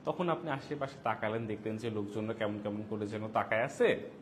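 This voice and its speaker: A man with a Bangladeshi Bengali accent hosts a live parenting talk, acting out quoted lines with a lively delivery. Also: on the low side, brisk, slight background noise.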